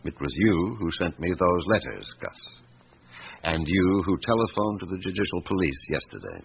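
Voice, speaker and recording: Deep-voiced, probing police inspector. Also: male voice, big pitch swings, vocal fry, heavily acted. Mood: quietly insistent. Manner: probing, measured, wry. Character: probing, patient male police inspector, middle-aged or older. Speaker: police inspector questioning suspects. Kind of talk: radio drama acting. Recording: dull, noisy old radio recording.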